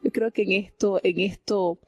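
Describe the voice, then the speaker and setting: A woman's voice: medium pitch, fairly even intonation, moderate pace, slightly rough, no room sound. A woman from Venezuela, giving heartfelt devotional Bible commentary and often asking her listeners "¿verdad?".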